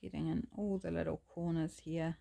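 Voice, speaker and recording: A craft channel host with a New Zealand accent talks casually as she works on a craft project. Her low, gravelly, scratchy voice moves at a moderate pace, and she sounds chatty and relaxed, thinking aloud.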